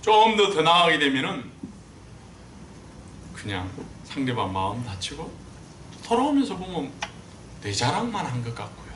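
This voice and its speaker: A man preaching a sermon as a pastor, telling stories with animated swings and climbing high when he quotes people. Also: normal speed, pauses often, background noise. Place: church sanctuary. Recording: echoey church room, mic at a distance.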